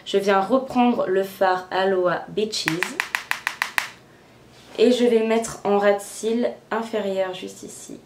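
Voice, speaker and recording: A woman's voice: mid-range voice, fairly even intonation, slow pace, roomy sound, noisy background. A young woman casually narrating a makeup tutorial step by step at home, chatty, with frequent fillers. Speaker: beauty vlogger. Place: room at home.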